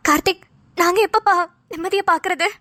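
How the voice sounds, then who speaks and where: A woman voicing a confident middle-aged mother who speaks proudly of her daughter's partner in an animated cartoon. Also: very high voice, fairly quick, dry recording, clean studio sound. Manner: assured, proud.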